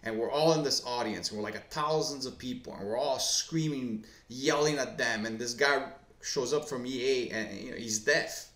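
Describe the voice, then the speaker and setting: Gaming host, male, mid-pitched, rambling profane delivery, recorded in an echoey room on face cam. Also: normal speed, a bit bright. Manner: profane, rambling storyteller full of fillers and restarts. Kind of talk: casual rambling commentary to camera. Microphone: face cam setup.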